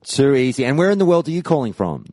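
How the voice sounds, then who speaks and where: A man's voice: mid-range voice, fast, dry recording, clean studio sound. A man hosting a podcast, introducing callers in an upbeat presenter manner. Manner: lively, upbeat presenter delivery. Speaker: podcast host.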